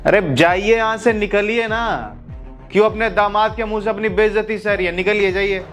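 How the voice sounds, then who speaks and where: A man's voice: on the high side, a little slow, soft background music. An actor playing a defiant, angry husband who taunts and insults his mother-in-law. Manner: taunting, shouting.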